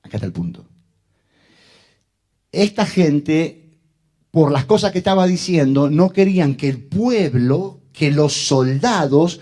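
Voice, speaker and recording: A pastor preaches to his congregation, joking and addressing them directly. His speech is lively, with a wide pitch range. The voice is mellow and somewhat dark, pitched a little high for a man. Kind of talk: sermon.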